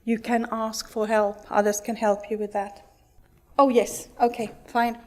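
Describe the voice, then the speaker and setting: In a conference hall, a middle-aged woman from Finland, native in Finnish and Swedish, gives a sincere talk with a Finnish accent and frequent restarts and fillers. She has a fairly high voice, a flat delivery, and an unhurried pace.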